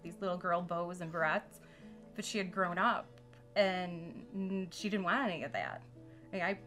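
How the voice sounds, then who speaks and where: Low-pitched middle-aged woman, plainspoken. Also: fairly bright tone. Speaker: interviewee, patient's mother. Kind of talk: personal interview, reflective recollection.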